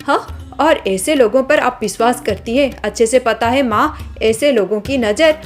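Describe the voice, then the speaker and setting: A woman's voice: a little high, normal speed, soft background music, close to an everyday voice. A woman voicing an arrogant, spoiled young woman from a rich family who scolds and sneers, in a storybook drama. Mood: haughty scolding.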